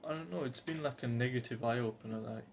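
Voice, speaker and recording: A fast talker with a creaky, mid-range voice, the British vlogger in his twenties rambles hesitantly but earnestly and casually to camera. Faint background noise is present.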